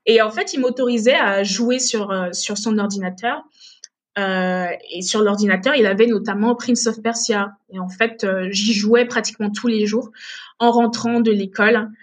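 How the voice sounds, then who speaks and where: A woman's voice: medium pitch, moderate pace. A woman in her late twenties, from Togo and raised in Benin, talking as a podcast guest with many fillers and restarts. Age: late 20s. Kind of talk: casual podcast interview.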